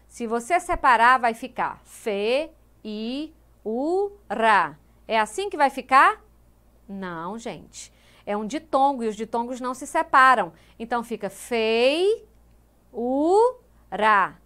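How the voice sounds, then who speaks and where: Woman teacher with a high smooth voice, walks through grammar rules, asks the class questions and answers them herself. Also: fairly bright tone. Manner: explains step by step, asks and answers imagined student questions. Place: studio of an educational channel.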